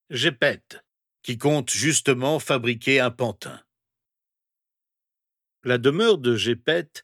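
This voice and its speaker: A man narrating a children's storybook in a measured, even storytelling manner. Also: medium pitch, no room sound, clean studio sound. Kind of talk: storybook reading.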